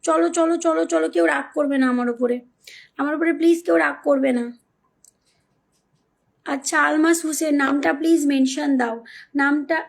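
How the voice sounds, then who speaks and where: A woman's voice: sits high, steady tone, normal speed, creaky, long pauses. A woman hosting a casual live stream, reading out viewer comments and coaxing viewers in a pleading, repetitive way. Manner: pleading, coaxing viewers, repeats names and phrases.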